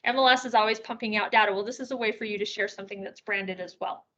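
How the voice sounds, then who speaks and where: A woman's voice: mid-range voice, fairly even intonation, quick pace, pushed and bright, dull audio. A woman presenting at a real estate sales meeting, upbeat and chatty, a little out of breath, asking rhetorical questions as she walks through tools. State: slightly out of breath.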